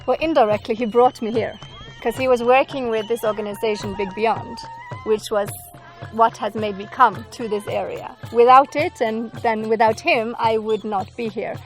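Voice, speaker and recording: A woman's voice: a little high, lively intonation, normal speed, faint music behind. A woman, a doctor and school director talking earnestly in a documentary interview. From Norway.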